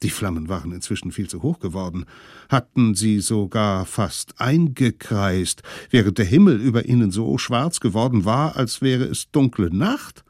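A man narrating a children's radio story in a lively, expressive way. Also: on the low side, normal speed, no room sound, clean studio sound.

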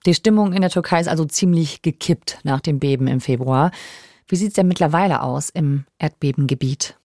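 A woman host asking brisk questions and reacting briefly in an interview. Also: low voice, warm tone, dry recording, studio quality. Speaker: podcast host.

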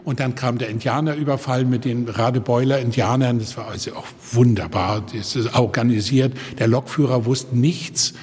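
A man around seventy with a husky voice tells lively stories as a guest and acts out the people in them. His speech has a middling pitch. The recording carries a long reverb from a large room. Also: normal speed, hardly any pauses. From Baltic coast of Germany. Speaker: guest, organ builder. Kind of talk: anecdotal storytelling in conversation.

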